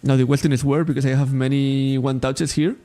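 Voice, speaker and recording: A Catalan man from Spain chats casually on a trading card shop livestream in English with a Catalan accent, rambling, correcting himself and laughing often. His medium-pitched voice is mellow and flat in delivery, a little fast. Faint music plays behind him.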